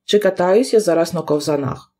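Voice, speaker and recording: A hoarse woman teaching an English grammar lesson on video, reading the English example sentences slowly and carefully. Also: on the low side, darkish tone. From Ukraine.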